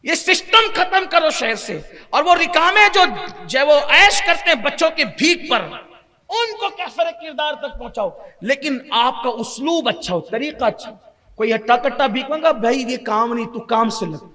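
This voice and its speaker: A man preaching an impassioned sermon, moving between hushed storytelling and shouted exhortation. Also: very high-pitched, lively intonation. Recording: long hall reverb.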